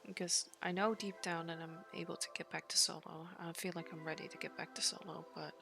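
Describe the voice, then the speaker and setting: A young woman in casual, intimate chat, talking softly and hesitantly, often half-whispering. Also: fairly low pitch, steady tone, fairly quick, gravelly, music in the background. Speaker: vlogger.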